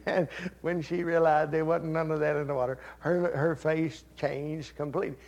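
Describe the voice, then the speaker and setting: An older man preaching a sermon, telling folksy family stories and rising to loud, fervent Scripture reading. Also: fairly high pitch, fairly even intonation, measured pace, vocal fry, dull audio. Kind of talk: sermon with personal story.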